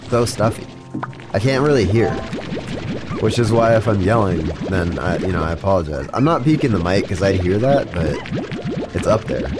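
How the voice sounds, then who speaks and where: Over loud music, a congested young man streams a game and talks loosely with his chat in a low voice with lively intonation at a moderate pace. His speech wanders, full of self-interrupted restarts, captured on a compressed studio microphone.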